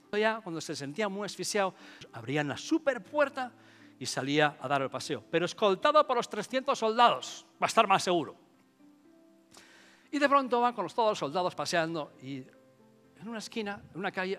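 A man telling a story as a motivational speaker, in an animated storytelling manner. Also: high voice, brisk. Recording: long hall reverb, soft music.

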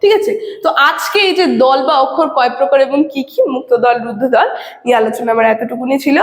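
A woman's voice: high voice, expressive, fast. A woman teacher explaining a lesson to her students, checking in often and asking questions she then answers herself. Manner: repeats "ঠিক আছে" and asks rhetorical questions. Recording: echoey room with long reverb.

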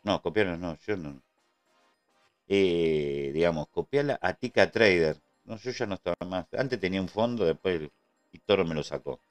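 A man's voice: deep voice, expressive, normal speed, clear, resonant tone, soft background music. A man with an Argentine accent hosting a casual live trading stream, chatting loosely and answering his viewers. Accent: Argentine Spanish. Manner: chatty, answers chat and thanks subscribers.

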